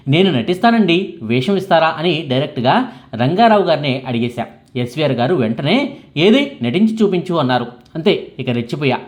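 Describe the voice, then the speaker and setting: A man narrating a first-person life story as scripted biography narration, acting out the quoted lines dramatically. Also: mid-range voice.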